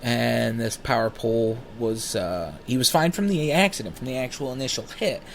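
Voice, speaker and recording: Animated thirty-year-old man telling stories. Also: mid-range voice, normal speed, vocal fry, slight background noise. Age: 30s. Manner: animated, rambling, swears freely. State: smoking while talking. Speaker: vlogger. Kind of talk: casual personal storytelling.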